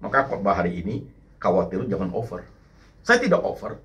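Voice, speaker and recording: A middle-aged male pastor delivers a sermon to his congregation. His pitch moves a great deal, dropping soft at the ends of phrases and rising into forceful, emphatic bursts. He slips English phrases into his preaching now and then. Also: very animated, a little fast, lo-fi sound. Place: church.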